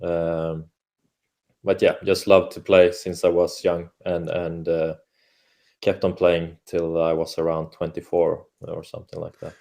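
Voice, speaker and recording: A low, gravelly, darkish-toned man speaks in a monotone, a little slowly. He's a Swedish-speaking football coach from Åland, Finland, answering questions in a casual interview, hesitating often with many fillers and restarts.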